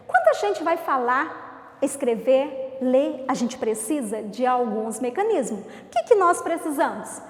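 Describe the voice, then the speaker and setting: A woman with a Brazilian accent, teaching a remote class to young children in a slow, sing-song way, stretching out syllables. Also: sits high. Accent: Brazilian Portuguese. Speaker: primary school teacher. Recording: echoey room with long reverb.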